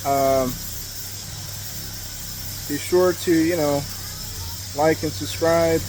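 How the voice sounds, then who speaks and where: A man's voice: a little high, steady tone, very slow, darkish tone. A young man chatting casually while he works on a truck outdoors, rambling with lots of fillers and restarts. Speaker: hobby mechanic vlogger. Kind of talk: casual work-along commentary. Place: outdoors in a driveway beside a truck. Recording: noisy outdoor camera audio.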